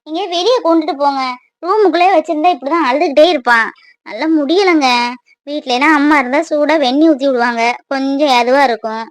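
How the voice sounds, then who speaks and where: A woman's voice: brisk, dry recording, clean studio sound, lightly acted. A woman voicing a young cartoon mother with an aching back. She scolds and complains in a whiny way. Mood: complaining. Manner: whiny, scolding, high-pitched. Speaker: mother of a crying baby.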